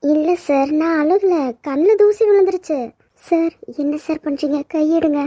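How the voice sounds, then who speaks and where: A woman voicing a very high-pitched young maid. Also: moderate pace, dark tone, close to an everyday voice. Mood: denying. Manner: earnest, pleading denials. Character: young housemaid woman, shy, hiding her hurt. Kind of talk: cartoon dubbing.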